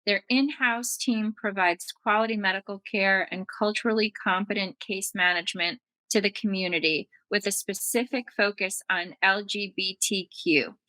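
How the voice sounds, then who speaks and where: Casting: woman interview host, polished scripted delivery, sharp bright tone. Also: mid-range voice, normal speed, hardly any pauses, no room sound, poor audio. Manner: polished, encouraging. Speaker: podcast host. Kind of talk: scripted intro and interview questions.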